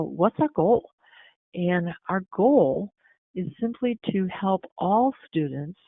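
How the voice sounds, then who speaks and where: An American man talks through a training webinar for school counselors, casual and full of fillers and restarts. His voice sits a bit high for a man. The audio is dry and narrow, like a phone call. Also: dry recording. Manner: conversational, many fillers and restarts. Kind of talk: instructional webinar talk.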